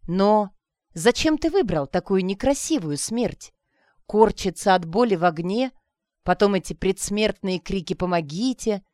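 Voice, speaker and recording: A woman reading an audiobook voices a beautiful young woman who talks softly and persuasively. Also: mid-range voice, expressive, measured pace, no room sound, studio quality, lightly acted. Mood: coaxing. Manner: ingratiating, soft, persuasive.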